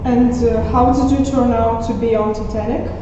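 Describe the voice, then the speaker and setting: Slightly high woman interviewing in class. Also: fairly even intonation, normal speed, background noise. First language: Ukrainian. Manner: hesitant questioning with fillers. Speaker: interviewer in a class role-play. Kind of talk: school role-play interview. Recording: echoey classroom, far mic, dull.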